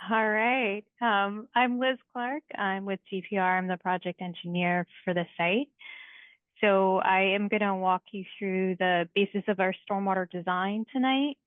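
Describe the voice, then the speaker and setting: A woman's voice: medium pitch, no echo. Woman engineer on a tinny call line. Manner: clear, organized walkthrough. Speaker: project engineer. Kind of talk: technical presentation. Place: video call meeting. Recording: tinny phone-like call audio, dry.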